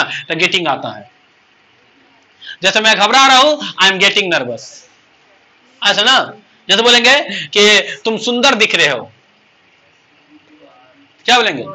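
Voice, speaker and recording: Male English teacher, high sharp voice, quizzing style. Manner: drills students with repeated questions, playful asides. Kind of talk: spoken English lesson.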